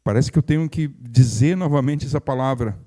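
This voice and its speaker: A man's voice: mid-range voice, fairly quick, mellow. An older male pastor, preaching in a folksy, conversational way with humorous asides and frequent restarts. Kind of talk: sermon.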